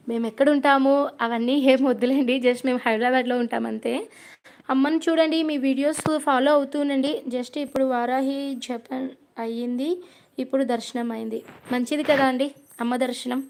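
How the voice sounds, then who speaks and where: High, gravelly woman chatting live. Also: steady tone, normal speed, a little mellow, slight background noise. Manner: chatty, storytelling, reads out viewer comments. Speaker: devotional livestream host. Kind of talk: casual live chat with viewers. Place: home prayer room.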